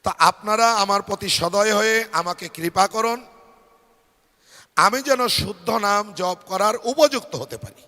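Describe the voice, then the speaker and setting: A man's voice: high-pitched, expressive, unhurried, bright, forceful tone. A male preacher with a Bengali accent giving a devotional sermon, asking the crowd questions and having them repeat phrases after him. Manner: rhetorical questions to the audience. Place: large hall at a devotional fair. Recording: long hall reverb.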